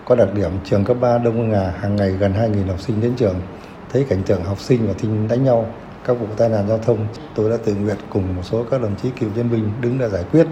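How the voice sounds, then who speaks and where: A man's voice: lowish voice, a little fast, dark tone, a little hiss or hum. An older man, a veteran team leader, giving a prepared statement for a local news report. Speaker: war veteran, self-management team leader.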